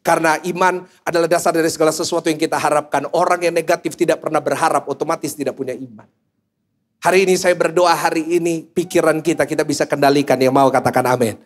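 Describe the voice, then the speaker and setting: A man's voice: a little high, quick pace. A male pastor preaching a sermon to a congregation, joking and asking the listeners questions. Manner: jokey, animated, asks the congregation questions. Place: church service before a congregation.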